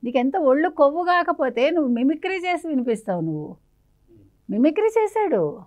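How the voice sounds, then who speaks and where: A woman's voice: sits high, very animated, a little fast, darkish tone. A woman journalist giving a heated, indignant interview in a scolding way.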